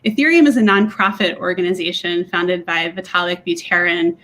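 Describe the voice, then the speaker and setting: A woman with a fairly low voice co-hosts an online talk over a video call. She explains things step by step in a conversational way and fills her pauses with ums. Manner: conversational, with frequent fillers, steady explanatory pace. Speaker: co-host of a museum talk series.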